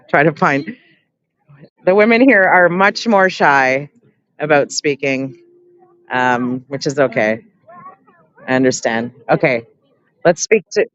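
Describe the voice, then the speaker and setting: A woman's voice: sits low, dry recording, muffled recording. A woman hosting a casual live stream from an outdoor protest, chatting with lots of fillers and laughs. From Canada. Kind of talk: casual street interviewing.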